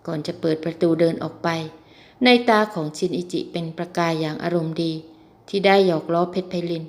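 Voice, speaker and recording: A woman reading a romance novel aloud in steady, even storytelling, lifting her voice for the heroine's lines. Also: on the low side, a little fast. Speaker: audiobook narrator. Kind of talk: scripted novel narration.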